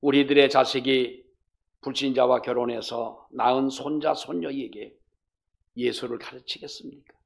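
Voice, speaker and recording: Gravelly-voiced man preaching fervently. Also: medium pitch, fairly even intonation, moderate pace. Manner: fervent preaching, swinging from loud exhortation to hushed storytelling. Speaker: pastor. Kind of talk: sermon.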